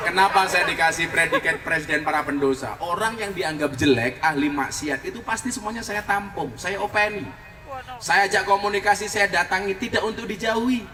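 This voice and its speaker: Joking high-voiced preacher. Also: male voice, brisk. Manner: joking, loud, mixes local slang. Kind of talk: comic open-air sermon. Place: outdoor field gathering. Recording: echoey field recording from far off. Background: crowd laughing.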